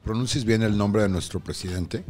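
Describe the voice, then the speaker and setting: A man's voice: fairly low pitch, moderate pace, over music. A young Mexican man co-hosting a comedy podcast, joking crudely and mock-mispronouncing words. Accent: Mexican Spanish. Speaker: podcast co-host.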